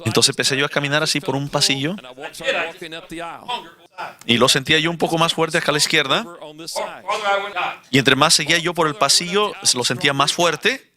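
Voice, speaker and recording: A man interpreting a sermon, telling a healing story in an animated way with light laughs. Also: a little high, moderate pace, pauses often, a crowd in the background. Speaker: interpreter of a preacher. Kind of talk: sermon testimony.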